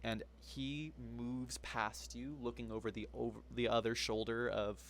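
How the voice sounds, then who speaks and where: A man runs a tabletop game as game master in a relaxed, chuckling manner. His voice sits at an average pitch. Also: unhurried, gravelly, slight background noise.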